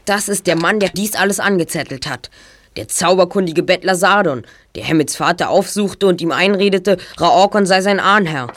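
A man's voice: sits high, normal speed, a bit bright. A young male actor playing a clever teenage detective in an audio drama, explaining with precision and self-assurance. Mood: confident. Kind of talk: German children's detective audio drama acting.

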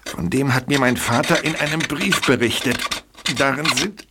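An actor playing a middle-aged professor exposed as a schemer in a children's detective audio drama, confessing haltingly and with resignation. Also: male voice, medium pitch, very noisy, close to an everyday voice. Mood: resigned, confessing. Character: unmasked scheming male professor, defeated and resigned.

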